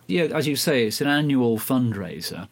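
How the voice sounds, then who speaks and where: Hesitant radio host, dictaphone-style recording. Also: male voice, mid-range voice, lively intonation, normal speed, slightly rough. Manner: hesitant, self-deprecating. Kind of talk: casual chat. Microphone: speaking into a recorder during a phone call.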